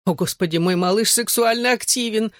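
A man's voice: high-pitched, a little fast, fairly bright tone, no room sound, clean studio sound, voice pushed up. A man voicing a tearful, fretting middle-aged mother who sobs, wails and sniffles as she talks. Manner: sobbing, wailing, sniffling.

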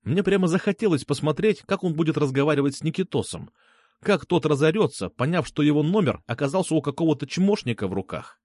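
A man's voice: fairly high pitch, lively intonation, fast talker, darkish tone, no room sound, clean studio sound. A man narrating a first-person audiobook with sardonic, coarse humor.

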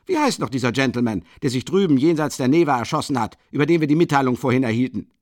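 A man's voice: medium pitch, lively intonation, fast talker, darkish tone, no room sound, studio quality, voice pushed up, lightly acted. A man voicing a pompous, talkative middle-aged police official in an audiobook, chatty and indignant. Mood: gossiping. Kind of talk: audiobook character reading.

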